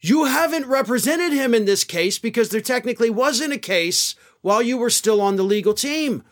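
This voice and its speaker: High-voiced man giving exasperated commentary. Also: lively intonation, moderate pace. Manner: incredulous, sarcastic, exasperated. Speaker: political commentator. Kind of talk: scripted-sounding news commentary.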